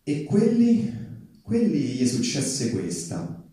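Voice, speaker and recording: At a live event, a man speaks and reads aloud to the public in a fairly high voice whose pitch swoops wildly, taking his time with a dark tone. It's a public reading mixed with impassioned activist speech, picked up from far off in an echoey hall.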